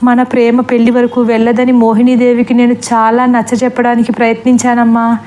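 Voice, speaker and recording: A woman's voice: on the high side, monotone, fairly quick, darkish tone, natural voice. A woman voicing a guilty young man who begs his parents tearfully, in a storybook reading. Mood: pleading. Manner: tearful, pleading.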